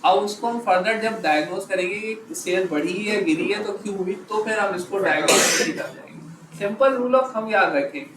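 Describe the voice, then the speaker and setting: A man teaching a live class, quizzing his students and stopping often to check that they follow, slowing right down on the key phrases. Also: high voice. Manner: slows down to stress key phrases. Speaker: instructor. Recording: echoey room, background noise.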